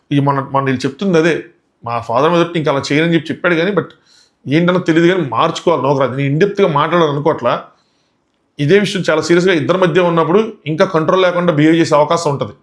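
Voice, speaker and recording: A man delivers casual commentary on a reality show at a rapid clip. His voice sits a little high, and he keeps firing off indignant rhetorical questions as he picks apart what happened.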